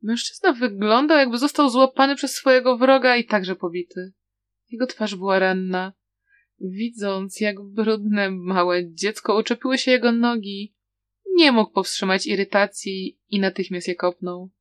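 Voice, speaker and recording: A woman narrating a storybook with a steady, softly dramatic reading. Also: mid-range voice, measured pace, dry recording. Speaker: audiobook reader.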